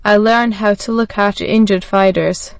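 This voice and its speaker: Smooth, dry-voiced woman narrator. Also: mid-range voice, no echo. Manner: even, measured reading that voices every symbol literally. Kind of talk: scripted narration of a graded reader.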